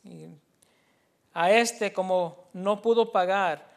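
A pastor with a fairly high male voice preaches in an earnest, teacherly way. He explains a passage, then restates it in a second language, with hesitant fillers and restarts along the way. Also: slow pace, vocal fry. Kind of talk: bilingual sermon, preaching.

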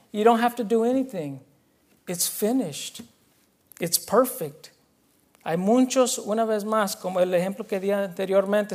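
Pastor, man, high voice, unhurried sermon delivery that swells into forceful emphasis. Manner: slow, emphatic preaching, building to loud declarations. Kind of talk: bilingual sermon, Spanish with English restatements.

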